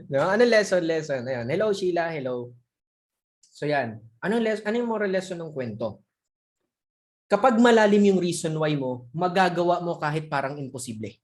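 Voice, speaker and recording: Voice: mid-range voice, normal speed. Chatty coach telling a story with tag questions. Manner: lively storyteller, frequent tag questions, laughs at own jokes; mixes English into Tagalog. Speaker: online selling coach. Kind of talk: storytelling lesson to a live audience.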